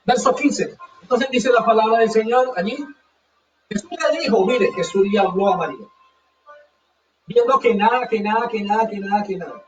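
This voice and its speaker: A man's voice: sits high, normal speed, recorded from a distance, slight background noise. A man preaching a sermon with fervor, hammering his points by repeating them. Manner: fervent, repeats phrases for emphasis. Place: church hall. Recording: dull echoey church sound from afar.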